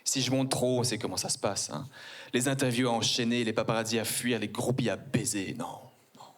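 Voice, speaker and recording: A man's voice: mid-range voice, fairly even intonation, fairly quick. A man in his forties with a Belgian French accent, performing a stand-up comedy set on stage, ironic and mock-posh. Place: theater stage before a live audience.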